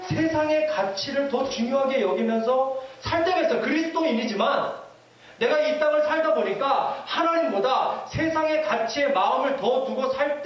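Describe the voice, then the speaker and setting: A male pastor preaching a sermon in a church, lively and often asking the congregation questions and leading them in readings. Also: extremely high pitch, muffled recording. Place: church sanctuary. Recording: echoey hall from far off, faint hiss.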